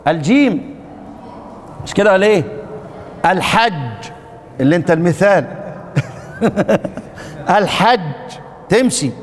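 With an Upper Egyptian Arabic accent and a high-pitched voice, a man leads a relaxed Quran recitation lecture in a mosque lesson hall. The sound is roomy with slight background noise, and he quizzes and teases his students.

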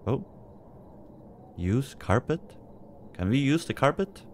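A man's voice: medium pitch, expressive, takes it slowly, a little mellow, slight background noise. A man casually commenting as he plays a horror game, muttering to himself with jumpy, nervous asides. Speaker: let's play gamer.

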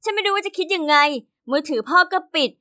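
A woman narrating an animated diary story in the first person as a young girl, expressive and lively. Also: extremely high pitch, fast.

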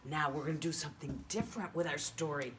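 A woman's voice: low voice, fast talker, a bit bright, slight background noise. A woman preschool teacher giving a children's math lesson in a broad singsong, asking coaxing questions and counting aloud. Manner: broad singsong delivery aimed at small children.

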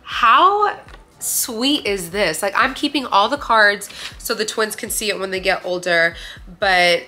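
A young Romanian woman in a bright living room chats with her viewers on camera during a casual haul video. Her medium-pitched voice is expressive, unhurried, bright and forceful, and she gushes away, packing in filler words and saying "like" constantly.

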